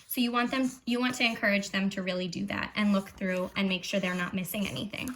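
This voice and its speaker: A woman with a mid-pitched voice speaks as a reading teacher giving an instructional demonstration. She explains each step patiently, using simple example phrases suited to kindergarten learners. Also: fairly even intonation, fast talker, a bit bright, a little hiss or hum, low-quality recording.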